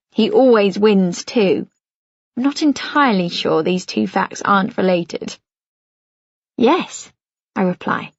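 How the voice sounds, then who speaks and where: Gravelly woman reading an audiobook. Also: mid-range voice, dry recording, lo-fi sound. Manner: measured, reflective storytelling. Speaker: audiobook narrator. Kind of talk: first-person audiobook narration.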